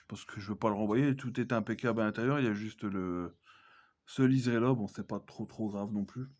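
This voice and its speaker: A man's voice: on the low side, brisk, a little mellow. A man chatting casually as he shows his film collection, hesitant, with many fillers and self-corrections. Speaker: collector vlogger. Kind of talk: casual unboxing chat.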